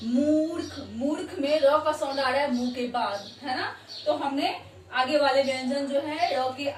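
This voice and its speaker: Female teacher for children, high voice, patient repetition, recorded from a distance. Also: slight background noise. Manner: repeats words slowly and checks understanding often. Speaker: Hindi teacher. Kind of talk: classroom lesson for children. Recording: echoey room, voice from far off.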